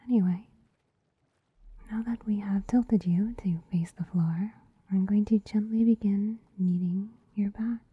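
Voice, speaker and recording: A breathy, almost voiceless whisper from a woman as a soft-pawed bunny spa attendant, unhurried and teasing. The sound is dry and close, with a slightly dull, muffled top end, as in an intimate ASMR recording. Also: medium pitch, steady tone, no room sound. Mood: soothing. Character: gentle soothing female bunny spa attendant. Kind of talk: ASMR roleplay. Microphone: close mic.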